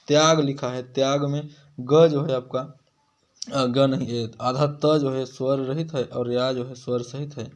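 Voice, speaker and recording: A man's voice: fairly high pitch, darkish tone. A man teaching grammar in a video lesson. He asks the learners questions, answers them himself, and often adds checking tags.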